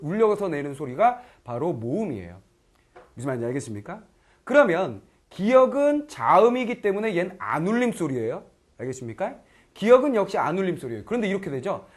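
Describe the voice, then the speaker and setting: High-pitched and a little fast, a middle-aged man delivers an online Korean grammar lecture. He is lively, frequently asks if students are keeping up, and acts out foreign learners' lines in quoted voices.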